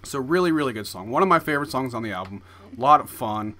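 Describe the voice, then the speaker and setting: A man's voice: mid-range voice, quick pace. Casual young man rambling in a studio. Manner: rambling, relaxed, lots of fillers and restarts. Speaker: podcast host. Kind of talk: casual chat. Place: small home studio.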